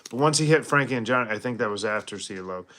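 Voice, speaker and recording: A man with a mid-pitched, ordinary voice rambles through a casual live chat. He trails off, restarts and circles back to his point. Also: lively intonation, rapid-fire, a bit bright. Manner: rambling, trailing off, self-correcting. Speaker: host.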